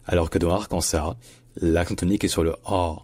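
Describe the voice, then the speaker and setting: A man teaching pronunciation in a lesson, explaining carefully and repeating example words slowly. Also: sits low, fairly even intonation, mellow, slightly rough, dry recording.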